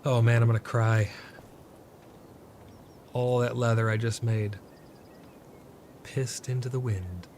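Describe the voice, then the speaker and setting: A man's voice: medium pitch, steady tone, slow pace, pauses often, noisy background. A man giving casual gameplay commentary, often exasperated and swearing at his bad luck while crafting. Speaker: gameplay streamer.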